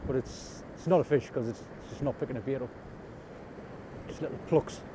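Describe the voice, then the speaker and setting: A man from North East England narrates a casual fishing vlog from a rocky shore at night, in wind and rain, chatty and quietly self-mocking. His voice is mid-range and a little fast. The outdoor camera recording carries faint wind noise.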